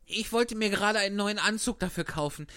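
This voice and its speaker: A woman's voice: medium pitch, brisk, a bit bright, clean tone, dry recording, close to an everyday voice. Brief: eager, breathless puppet boy, read by a woman, dry and close. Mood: earnest. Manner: breathless, tumbling questions. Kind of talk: live storybook reading.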